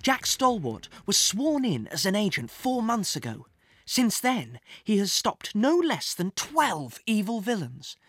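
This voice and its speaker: A woman narrating a children's adventure story in an expressive storybook reading style. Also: mid-range voice, a little slow, husky, no room sound, clean studio sound. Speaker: audiobook narrator.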